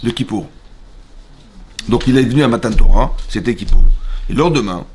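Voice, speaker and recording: A man teaching a lively Torah class in a synagogue, acting out shouts and sounds and questioning his listeners. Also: medium pitch, fairly quick, slight background noise. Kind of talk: animated Torah lesson.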